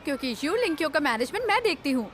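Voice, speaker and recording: A woman's voice: high-pitched, sing-song, rapid-fire, fairly bright tone, slight background noise. A young woman voicing an indignant, scolding studio manager in a drama dub. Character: sharp-tongued young woman manager, protective.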